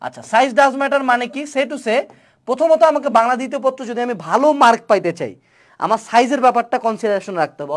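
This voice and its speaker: A young online tutor giving a playful webinar lecture. The tutor asks many rhetorical questions and mixes English words into the talk. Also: mid-range voice.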